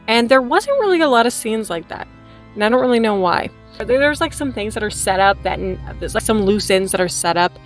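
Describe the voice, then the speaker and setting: A giggly, tipsy-sounding woman rambling casually and animatedly as she gives a chatty review to camera. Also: mid-range voice. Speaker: movie reviewer hosting a vlog.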